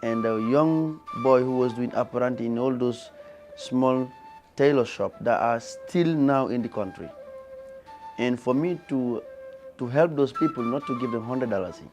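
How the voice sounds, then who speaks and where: A man from Gambia, a guest in an interview, speaking as an in an earnest, halting way with many restarts. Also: mid-range voice, darkish tone, faint music behind. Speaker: guest, fashion brand founder. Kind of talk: interview conversation.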